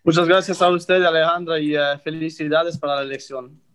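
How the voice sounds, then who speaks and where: A man speaking non-native Spanish as an interviewer giving conversational commentary, halting and repeating himself as he searches for words. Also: on the high side, steady tone, a bit bright. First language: not Spanish.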